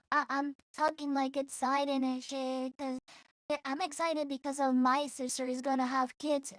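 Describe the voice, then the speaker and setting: A woman from El Salvador speaks in English, in a high, flat-sounding voice. She talks slowly and rambles through a casual vlog, blunt and profane, stopping and restarting her thoughts. The sound is dry and close. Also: no room sound. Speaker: streamer.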